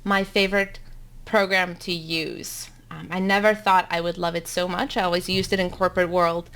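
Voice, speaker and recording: A woman in her thirties from South Africa, native Afrikaans speaker with a South African accent, hosts a chatty, upbeat live webinar for bloggers from home, dropping frequent ums. She speaks at normal speed with a flat delivery, her fairly low voice still fairly bright in tone.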